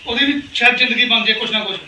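A man's voice: extremely high pitch, racing, noisy background. An actor playing a middle-aged father in a village family drama, reproachful and lecturing as he pleads for his daughter. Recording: roomy, distant mic.

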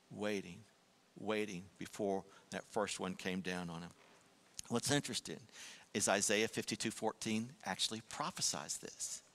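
Bright-voiced male pastor preaching in a hall. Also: fairly low pitch. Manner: expressive preaching that swings between hushed and emphatic. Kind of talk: sermon. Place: church sanctuary. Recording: long hall reverb.

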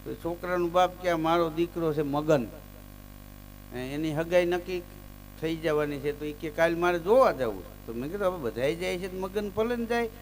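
A man telling folk stories live on stage. He chants verses loudly, then drops into easy chat and lands his punchlines. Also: fairly high pitch, normal speed, slight background noise. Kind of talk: live folk storytelling with recited verse and jokes.

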